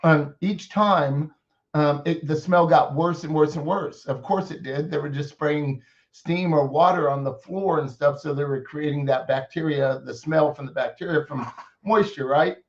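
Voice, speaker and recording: A man's voice: on the high side, normal speed, muffled recording. A man hosting an online business coaching session, talking informally and rambling with fillers and restarts. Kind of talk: casual online presentation.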